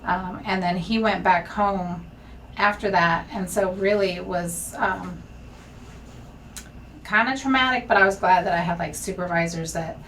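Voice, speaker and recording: A woman in her forties speaks candidly and steadily, pausing on ums. She is a bit far from the mic in a studio set, with a faint hiss behind her. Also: on the low side, fairly bright tone. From Texas. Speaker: senior enlisted leader. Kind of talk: personal story in a sit-down conversation. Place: bright indoor studio set.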